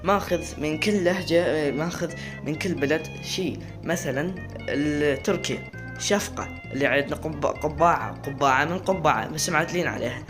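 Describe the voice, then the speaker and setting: A video creator from Iraq chats casually to camera with an Iraqi Arabic accent, rambling and frequently breaking off to restart words. His voice sits on the high side at a moderate pace, with music playing behind him.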